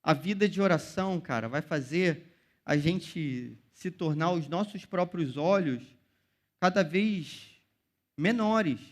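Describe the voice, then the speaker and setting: A young man with a Brazilian accent gives a sermon to teenagers. His voice sits high for a man, and he keeps it loose and chatty, dropping slang and calling the listeners "cara" as he goes. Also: expressive, slow pace. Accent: Brazilian Portuguese. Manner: casual slang-filled preaching, calls listeners "cara". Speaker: youth pastor. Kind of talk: youth sermon.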